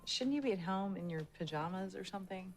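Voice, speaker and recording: A woman's voice: medium pitch, animated, fast talker, natural voice. An actress playing a determined, weary prosecutor and mother in a naturalistic TV legal drama. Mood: guarded, curt. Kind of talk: naturalistic film acting.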